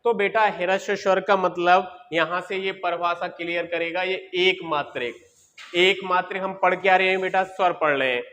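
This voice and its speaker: A young male teacher giving a grammar lesson, addressing the students as children and repeating each term slowly. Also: sits high, steady tone, pushed and bright, a little hiss or hum. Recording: long reverb, hall-like.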